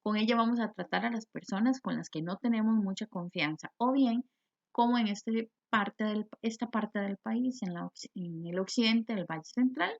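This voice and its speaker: A woman's voice: medium pitch, normal speed, vocal fry. A Costa Rican woman teaching a recorded grammar lesson, explaining step by step and asking and answering her own questions. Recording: dull lo-fi recording.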